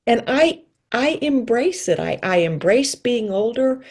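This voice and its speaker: A woman in her sixties, a guest in a casual interview, telling stories and acting out quoted lines with big jumps in her voice. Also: unhurried. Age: 60s. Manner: lively storyteller, acts out quotes with pitch leaps.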